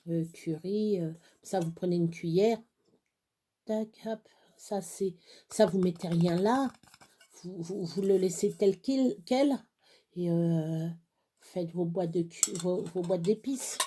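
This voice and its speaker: A woman chatting casually through a crafting tutorial, rambling and halting with many fillers, sometimes dropping to a whisper. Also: on the low side, mellow, slight background noise. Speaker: craft vlogger.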